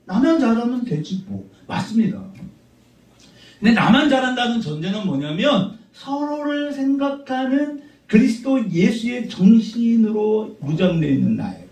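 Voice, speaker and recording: A middle-aged man preaching a sermon as pastor, conversational and animated, teasing his congregation. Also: very high-pitched. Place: church sanctuary. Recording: roomy church sound from a distant mic.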